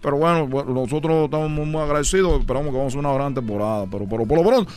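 A man's voice: a little high, rapid-fire, darkish tone. A man doing a rambling comedic bit, stammering and laughing at his own jokes. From Cuba. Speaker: comedy podcast host doing a parody ballplayer character.

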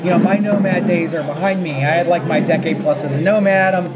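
A man hosting a casual podcast conversation in a pub, informal and animated, with a hoarse, worn-out voice. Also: a little high, brisk, over a noisy crowd. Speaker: podcast host.

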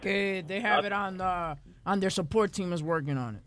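A man's voice: sits high, measured pace, fairly bright tone. A man co-hosting casual radio talk, retelling things in slangy Spanish mixed with English. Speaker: radio show co-host.

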